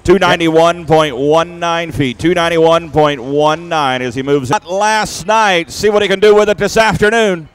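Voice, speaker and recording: Male tractor pull announcer, smooth resonant voice sitting fairly high, live event commentary. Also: steady tone, normal speed, hardly any pauses.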